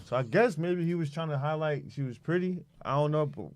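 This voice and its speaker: A man's voice: fairly high pitch, fairly quick. Laid-back man telling stories. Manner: laid-back storytelling, heavy use of "like". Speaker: podcast co-host. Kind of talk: casual chat.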